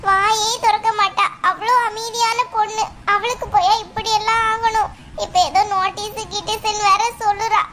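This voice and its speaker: A woman's voice: very high-pitched, level tone, moderate pace, sharp tone, slight background noise. A woman voicing a worried middle-aged mother of the bride in a cartoon, pleading and plaintive. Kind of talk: cartoon voice acting.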